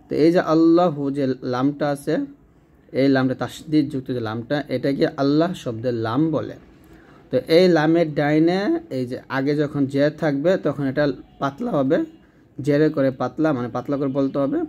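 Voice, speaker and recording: A man with a Bangladeshi Bengali accent giving a step-by-step tajweed lesson, spelling out letters and drilling each syllable slowly. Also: on the high side, mellow, muffled recording. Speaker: Quran recitation teacher.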